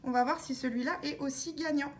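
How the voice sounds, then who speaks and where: A woman vlogger talking through her scratch-card tickets, calmly spelling out letters one by one as she checks each word, with scratching sounds behind her. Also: high-pitched, brisk, slight background noise. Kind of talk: casual narration while scratching tickets.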